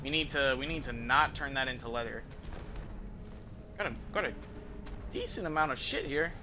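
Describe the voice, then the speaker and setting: A video game streamer chats casually and rambles through his gameplay commentary, conversational and quick to swear. His voice sits at a medium pitch with a moderate pace, and there's background noise.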